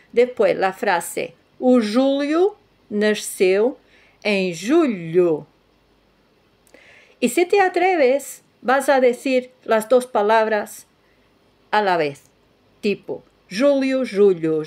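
Slow-spoken woman teaching pronunciation. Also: medium pitch, a little mellow. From Portugal. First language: Portuguese. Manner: repeats sounds slowly to demonstrate, light laughs. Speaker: language teacher. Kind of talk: pronunciation lesson.

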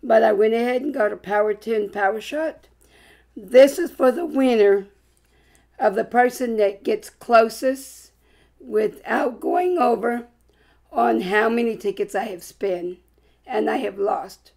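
A woman hosts a casual vlog, her hoarse, congested voice sitting a little high and full of gravelly fry. She chats in an upbeat way and often breaks into excited exclamations. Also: measured pace. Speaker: lottery scratch-ticket channel host.

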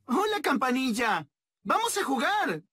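A woman's voice: high voice, sing-song, unhurried. A woman voicing a cheerful, playful young girl in a children's show dub, giggling and exclaiming as she talks to the things around her. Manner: giggly, exclaiming, talking to objects. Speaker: dub voice actress. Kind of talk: Latin American Spanish fan dub of a children's show. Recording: loud music behind the voice. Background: loud children's music.

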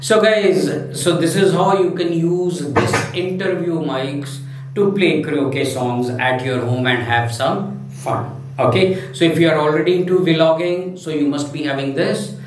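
Casting: male tech vlogger, North Indian accent, fairly high pitch, casual demo delivery, roomy distant sound. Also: unhurried, a little hiss or hum. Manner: repeats phrases, tags sentences with "okay". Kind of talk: casual product demonstration to camera. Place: indoor room at home. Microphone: wireless lavalier, partly heard through a speaker. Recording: roomy, distant mic, music behind.

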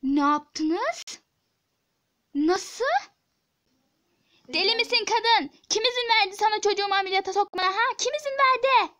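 A woman voicing a desperate young mother who cries and shouts as she fears for her child. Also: fairly quick. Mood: furious. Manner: shrill, crying and shouting. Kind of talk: Turkish toy-app drama voice acting.

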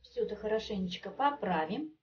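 A woman with a mid-range, expressive voice talks a little quickly as she walks through a home recipe step by step at a kitchen table, chatty and homely with lots of small fillers. The recording is distant and muffled, with slight background noise and faint music behind her.

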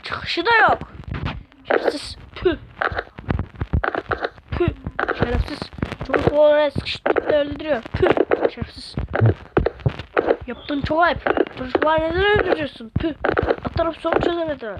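A woman commentating as she plays a video game, excitable and grumbling at the game as she goes. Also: sits high, measured pace, pauses often. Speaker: gamer. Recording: dull lo-fi with loud noise.

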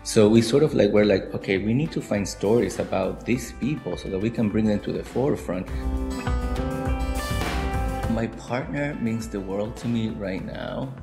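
Ecuadorian-accented man, 40s, reflective interviewee on webcam, guitar bed clearly under him. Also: lowish voice, normal speed. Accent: Ecuadorian Spanish. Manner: relaxed, reflective, frequent restarts. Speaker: marketing director. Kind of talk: interview to camera. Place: home room by a window.

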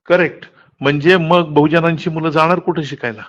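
A middle-aged man's fairly high, steady voice comes through a muffled telephone recording as he talks fairly quickly. In this candid political phone conversation captured off the call, he explains points emphatically and asks rhetorical questions.

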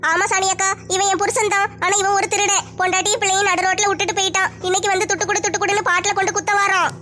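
A woman's voice: very high-pitched, level tone, racing, heavy background noise. A woman playing a frightened, tearful young wife who complains about her husband in a comedy skit. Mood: worried. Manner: pleading, worried.

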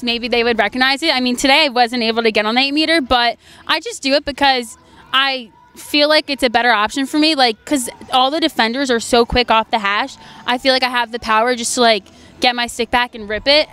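A young woman college athlete answers questions into a handheld mic outside by the field. Her voice is a touch high for a woman. She chatters along in a bubbly way, dropping "like" all through. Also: bright, forceful tone, smooth. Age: young adult. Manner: bubbly, peppers talk with "like". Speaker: college player. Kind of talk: postgame interview. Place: outdoor stadium by a sports field. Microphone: handheld interview mic held in front.

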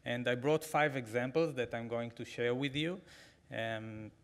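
A man's voice: medium pitch, a little slow, clean tone. A man in his forties at a podium mic in a large conference hall, giving a conversational keynote with frequent fillers. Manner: conversational, animated, frequent fillers, gestures while talking. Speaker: keynote speaker. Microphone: podium microphone.

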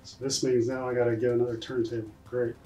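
A man in his forties, a collectibles vlogger, unboxes items in a room with display shelves, excitedly and casually pointing out details with some mild swearing. His voice is medium-pitched and mellow, fast but flat in delivery, on a rough recording.

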